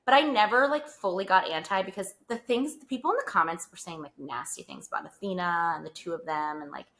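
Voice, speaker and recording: A woman's voice: fairly low pitch, a little fast, fairly bright tone. A woman hosting a podcast, telling stories in a chatty, gossipy way full of "like" fillers. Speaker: podcast host. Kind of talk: casual gossip chat.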